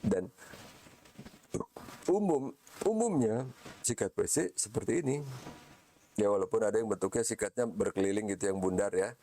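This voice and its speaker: Relaxed, chatty lecturer with a dark voice. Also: male voice, fairly low pitch, normal speed, pauses often. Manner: relaxed, chatty, mixing in English words. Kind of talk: online class lecture. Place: home setting, online class.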